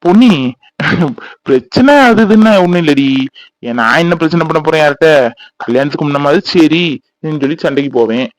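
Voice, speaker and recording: Man voicing a fretful young cartoon husband, high voice. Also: expressive, brisk, long pauses, no echo, close to an everyday voice, rough recording. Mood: worried. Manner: fretful, pleading. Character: young worried husband, soft-hearted and remorseful.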